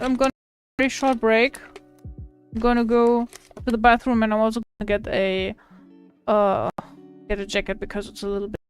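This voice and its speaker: A woman's voice: on the high side, clean tone. A young German woman streaming, chatting casually and giggling a lot, swearing freely when she gets worked up. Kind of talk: casual live-stream chat. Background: lo-fi music.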